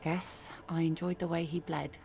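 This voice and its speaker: A woman playing a hardened middle-aged widowed fisherwoman in a video game, talking like an old sailor, dry, blunt and gravelly. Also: low voice, flat delivery, moderate pace, a little mellow, faint music behind. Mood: wry. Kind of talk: video game character dialogue.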